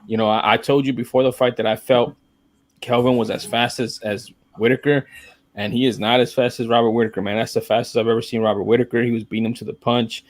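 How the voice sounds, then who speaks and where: Speaking quickly in a medium pitch, this man co-hosts a podcast and chats casually about fights. His delivery is animated, peppered with "man" and "dude," and he performs the quotes he repeats.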